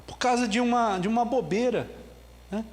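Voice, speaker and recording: A man preaching a sermon as pastor, telling a story in an animated way with bits of laughter. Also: very high-pitched, long reverb tail. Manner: ends with a slow spoken prayer.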